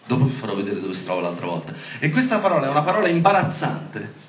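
Animated preaching man in an echoey room. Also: mid-range voice, quick pace. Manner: animated, emphatic, stresses key words. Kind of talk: sermon with Bible reading. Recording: echoey room with faint background noise.

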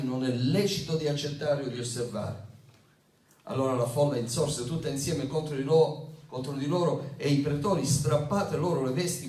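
A man's voice: medium pitch, mellow. A male pastor delivering a sermon, reading scripture aloud, getting the congregation to repeat lines, and making joking asides. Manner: call-and-response preaching, asks congregation to repeat lines. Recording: echoey hall, mic at a distance.

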